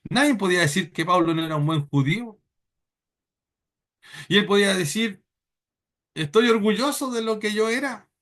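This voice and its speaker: During a church sermon, a man from Chile speaks in a high, somewhat bright voice that stays plain from start to finish. His teaching is earnest and halting, with frequent repeated words as he works out what to say.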